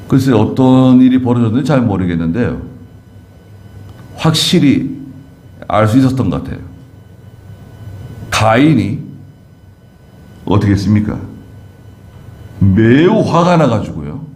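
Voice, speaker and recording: Korean pastor preaching with rhetorical questions. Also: male voice, medium pitch, big pitch swings, measured pace, pauses often, a little mellow. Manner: explanatory, rhetorical questions to the congregation. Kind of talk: sermon. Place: church sanctuary.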